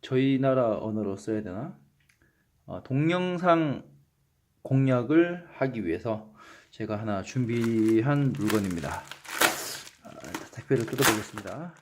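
The man's mid-range voice is expressive, unhurried, and darkish, with a little hiss or hum on the recording. Speaking with a Gyeongsang Korean accent, he hosts a casual unboxing vlog, teasing himself and tripping over words.

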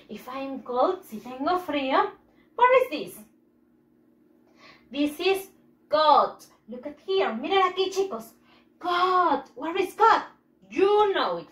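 A woman teaching an English lesson to young children, slowly repeating each phrase in two languages and encouraging them warmly. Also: high-pitched. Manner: encouraging, drawn-out teacherly emphasis. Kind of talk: bilingual classroom lesson video. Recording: echoey room, distant mic.

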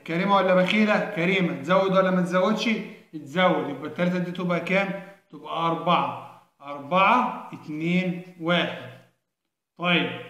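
Bright-voiced Egyptian teacher, echoey room. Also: male voice, high voice. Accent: Egyptian Arabic. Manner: asks questions and answers them himself, repeating steps. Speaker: primary school math teacher. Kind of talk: recorded classroom lesson.

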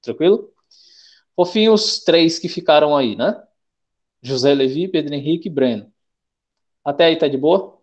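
Young man, Brazilian Portuguese accent, teacher, online class, relaxed chatty delivery, slightly high voice. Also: unhurried, long pauses, dull audio. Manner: relaxed, chatty, checks in often with slangy rhymes.

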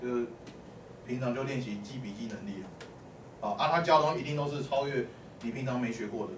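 Quick-paced and mid-range, this man's voice drives a math lecture in which he keeps quizzing the class, nudging them with short "lai" and "o" calls. The echoey classroom is captured from a distance, with a faint hum.

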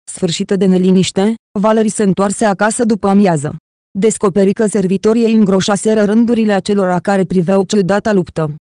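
An audiobook narrator reading a novel in a steady, even manner. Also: mid-range voice, no room sound, studio quality. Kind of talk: scripted narration.

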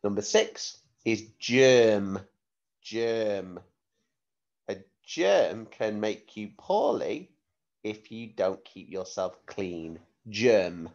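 Male teacher doing slow school dictation, pitch goes up and down a lot, bit muffled recording. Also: sing-song, creaky, darkish tone. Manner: deliberate, repeats words and spells them out letter by letter.

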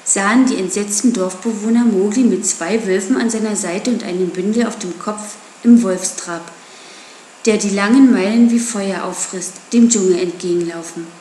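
A woman narrating an audiobook in a steady storytelling manner. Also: medium pitch, normal speed, roomy sound, slight background noise. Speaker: audiobook reader.

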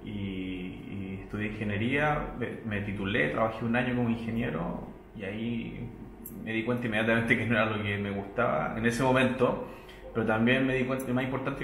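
A Chilean-born man in his thirties, raised in Mexico, with a Mexican Spanish accent and a fairly low voice. He talks in an unhurried, thoughtful way, restarting phrases and letting short laughs slip in. The room is echoey, with a faint hum of ambience behind him. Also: fairly bright tone. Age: 30s. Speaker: chef. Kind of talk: relaxed sit-down interview. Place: indoor restaurant with wooden shelves.

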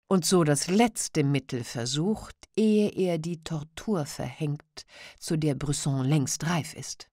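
A suave, courteous police officer of old Paris, read by a woman speaks with a faint smile in this audiobook. He talks slowly in a warm, mellow, lowish voice. The sound is dry and close. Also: dry recording, full character voice.

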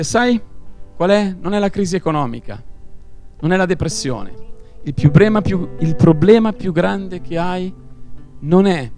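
A man preaching an evangelistic sermon, impassioned, swinging from loud shouts to hushed tones. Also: high voice. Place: church hall.

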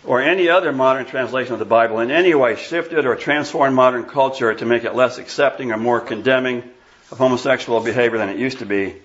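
A man's voice: medium pitch, quick pace, lo-fi sound. A pastor in his sixties from Iowa, preaching an emphatic, scornful sermon and bantering with the congregation. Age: 60s. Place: church sanctuary.

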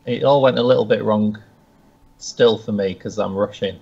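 A man joining a casual modelling live show over a call, speaking briskly and frankly in a slightly rushed way. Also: lowish voice, fairly even intonation, vocal fry, mellow, breathy edge. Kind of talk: casual live-stream chat. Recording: dull lo-fi call audio.

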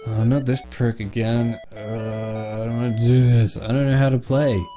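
A man plays a video game on camera and talks through it in casual commentary. His mellow, dark voice keeps breaking into exasperated, swearing outbursts. Faint game music runs underneath. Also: mid-range voice, level tone, moderate pace. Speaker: let's play host.

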